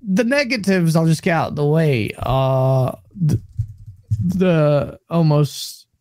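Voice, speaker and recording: A man's voice: a little high, animated, slow, a little mellow, no room sound. A man as a podcast guest, laughing often and stumbling over his words in casual chat. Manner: laughs often, stammers and restarts.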